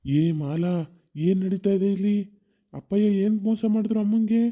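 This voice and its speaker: A man's voice: sits high, normal speed, warm tone, muffled recording, lightly acted. A man voicing a confused middle-aged husband and son who pleads and asks questions in a cartoon. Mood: bewildered. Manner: bewildered, pleading.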